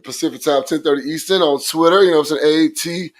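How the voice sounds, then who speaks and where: Male podcast co-host, hoarse and recovering voice, relaxed rambling sports chat. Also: fairly high pitch, fast. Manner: laid-back, keeps saying "you know what I'm saying". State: hoarse, voice coming back. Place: at home in Phoenix.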